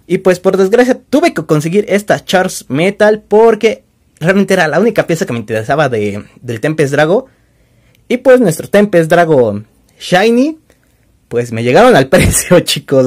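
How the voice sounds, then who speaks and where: A man's voice: high-pitched, darkish tone. A man with a Mexican accent hosting his own channel, showing items in a casual, joking, self-deprecating chat. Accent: Mexican Spanish. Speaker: toy-collecting channel host. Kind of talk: casual show-and-tell vlog.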